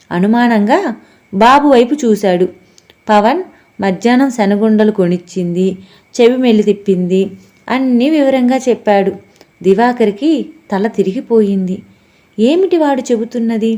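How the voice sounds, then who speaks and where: A woman narrating a family audiobook story in a steady, expressive storytelling manner. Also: a little high. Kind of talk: scripted narration.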